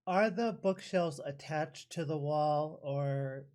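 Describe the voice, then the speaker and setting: A man's voice: a little high, slow, darkish tone. A man playing a tabletop game, chatting and asking the game master questions. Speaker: player. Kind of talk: casual tabletop play.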